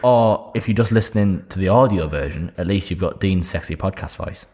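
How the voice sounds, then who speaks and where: Podcast co-host: young man, deep voice, cheeky and teasing. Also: a little fast, mellow. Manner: teasing, playful banter. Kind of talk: casual chat.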